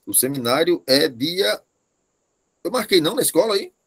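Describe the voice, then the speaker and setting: A man teaches a grammar lesson over a video call. His voice is lively and swings widely in pitch. He slows down and repeats key words so his students can follow. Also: vocal fry, husky. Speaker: Portuguese language teacher. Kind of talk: online class lecture.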